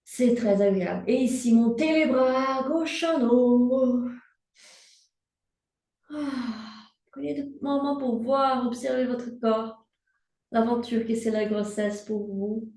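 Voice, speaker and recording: Teaching prenatal yoga from her mat at home, a young pregnant woman, a native Portuguese speaker, gives unhurried, soothing cues and breath prompts. Her voice sits on the high side, and a laptop mic at a distance captures the roomy sound.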